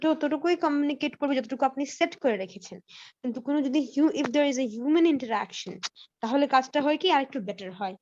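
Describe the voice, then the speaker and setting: This high-pitched woman leads a live online English lesson with a darkish tone, explaining things one step at a time while using fillers and dropping in English phrases. Her sound is a bit dull and lo-fi, typical of a computer microphone on a call.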